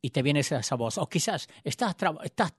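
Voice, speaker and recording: A man's voice: on the high side, expressive, a little fast, breathy edge, no echo. Man preaching a dramatic story sermon. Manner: dramatic storytelling, swings between loud and hushed.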